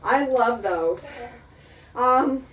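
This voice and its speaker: A woman's voice: a little high, animated, extremely slow, slight background noise. A middle-aged woman teaching an exercise class, chatty and encouraging, out of breath as she talks through the moves. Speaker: exercise instructor. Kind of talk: live exercise class instruction. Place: room with a chair, exercising. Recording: echoey room, mic at a distance.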